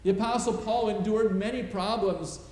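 A middle-aged pastor preaches from the pulpit of a big church sanctuary, hammering short phrases through repetition. He sits high in pitch with a darkish tone, fairly even intonation and normal pace; the sound carries roomy reverb and a faint hiss.

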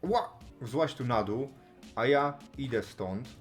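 A chatty man talks his way through a Minecraft session, speaking straight to the animals on screen and breaking into excited shouts now and then. His voice sits at an ordinary middle pitch, and faint game music with the odd sheep bleat plays softly behind him. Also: slow pace. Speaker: gaming YouTuber. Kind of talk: Minecraft let's play commentary.

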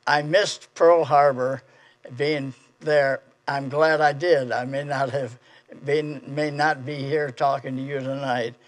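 An elderly man in his nineties, a veteran, giving a halting, heartfelt remembrance speech at a podium mic in a community hall. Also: medium pitch. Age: older, 90s. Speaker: veteran guest speaker.

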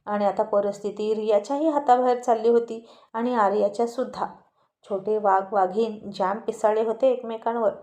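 A woman narrating a family story in a lively, expressive way. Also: a little high, normal speed.

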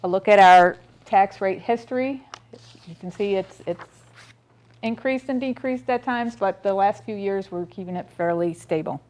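Reading out the school district budget at a public board meeting, a middle-aged woman proceeds methodically but keeps saying um and restarting. Her voice is medium-pitched and darkish at a normal speed. She stands by a projector screen in the meeting room, captured via room audio from a far camera.

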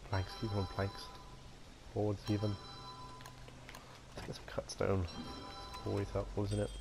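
A man's voice: fairly low pitch, completely flat delivery, unhurried, creaky, music in the background. A man giving casual let's-play commentary, chatty and playful, talking to himself as he plays. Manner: chatty, playful, talks to himself while playing. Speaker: gaming video host.

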